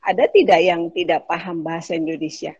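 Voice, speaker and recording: A woman's voice: fairly low pitch, steady tone, a little fast, darkish tone, breathy edge, no echo, dull audio. A woman lecturer explaining Arabic pronunciation patiently in an online class. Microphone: video call.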